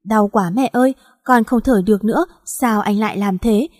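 A woman's voice: medium pitch, normal speed, a little mellow, no echo, studio quality, big-room sound, lightly acted. A woman voicing a heartbroken young woman in despair, tearful and pleading. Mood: grieving.

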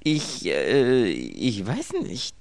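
A man's voice: medium pitch, wildly swooping pitch, unhurried, creaky, darkish tone, no echo, voice pushed up, exaggerated voice. A man voicing an irritable, bewildered young writer who grumbles and mutters in exasperation. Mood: cautious.

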